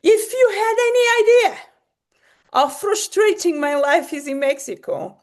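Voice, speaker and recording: Very high and animated, her voice moves at a measured pace. She's a sleep-deprived podcast host from Portugal, chatting casually with lots of rambling, laughter and self-interruptions.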